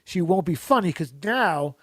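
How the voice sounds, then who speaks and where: A man's voice: high voice, animated, normal speed, fairly bright tone. A man in comedy podcast banter, ranting with blunt, profane opinions and acting out imagined quotes.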